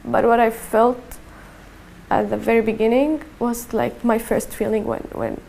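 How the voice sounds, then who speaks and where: A young Syrian woman in her early 20s, whose first language is Arabic, tells her own story to camera as an activist. Her fairly high voice is mellow, soft-spoken and touched with vocal fry, and she speaks flatly and haltingly, restarting phrases and using fillers. The low-quality recording carries a faint hiss underneath.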